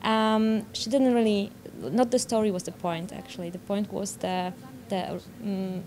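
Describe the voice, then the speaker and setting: A woman's voice: medium pitch, level tone, measured pace, darkish tone. A young woman with a Polish accent giving spontaneous answers in an interview as a student animator. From Poland. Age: young adult. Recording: background noise.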